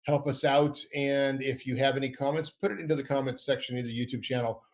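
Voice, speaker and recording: A man's voice: mid-range voice, fairly even intonation, fairly quick. A middle-aged man hosting a casual podcast, rambling and upbeat, often correcting himself as he goes. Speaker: podcast host. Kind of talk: casual chat.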